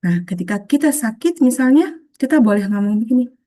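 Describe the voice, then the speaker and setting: A woman teaching a healing webinar over a video call in a soft, patient way, often calling her listeners friends and acting out short bits of self-talk in a higher voice. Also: lively intonation, fairly quick.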